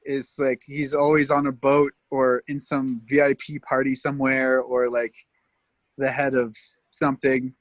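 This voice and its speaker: A man's voice: mid-range voice, little pitch movement, measured pace, no echo. A man from Canada, a tour guide, telling rambling stories in a casual interview, laughing often and leaning on fillers.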